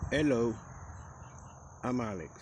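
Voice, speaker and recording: A man from Costa Rica's Caribbean coast, speaking with a Costa Rican Caribbean English accent, tells stories casually and at a relaxed, slow pace. When he acts out quoted speech, he shifts into a higher voice. Background noise can be heard.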